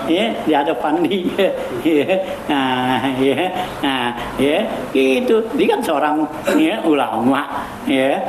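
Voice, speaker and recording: A man giving an informal religious study lecture, talking casually with many fillers and chuckles. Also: a little high. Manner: casual, repetitive fillers, chuckles while teaching. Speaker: cleric teaching a weekly religious study circle. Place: prayer hall. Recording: echoey hall with background noise.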